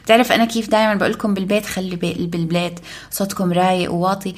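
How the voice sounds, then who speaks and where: A woman's voice: fairly low pitch, flat delivery. A woman co-hosting a casual parenting chat, telling practical anecdotes from her own family. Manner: brisk, practical, tells anecdotes from family life. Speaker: podcast co-host, mother.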